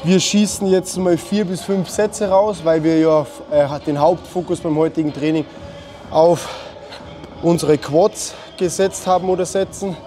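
A man's voice: a little high, measured pace, warm tone. A man explaining his leg workout in a casual, instructive way, dropping English gym slang. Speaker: fitness vlogger.

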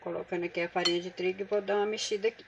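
Talking fast and chattily to her audience, whom she calls "gente," this cooking channel host cooks in her home kitchen with a Brazilian Portuguese accent. Her voice is fairly low, level and gravelly, and heavy background noise fills the recording.

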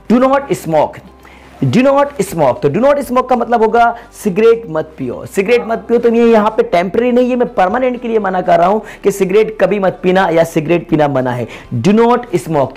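A man's voice: high-pitched, darkish tone. A man hosting a YouTube lesson, explaining English grammar in Hindi and repeating each example to stress it.

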